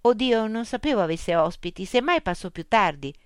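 A woman's voice: medium pitch, lively intonation, brisk, clean tone, no echo, clean studio sound, pitched above the performer's own voice, natural voice. A woman voicing a flustered adult woman writer who keeps apologizing. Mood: apologetic.

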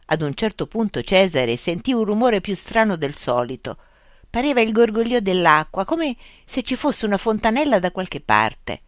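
A narrator reading a children's adventure story aloud in a lively, expressive way. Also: mid-range voice, moderate pace, no echo, studio quality.

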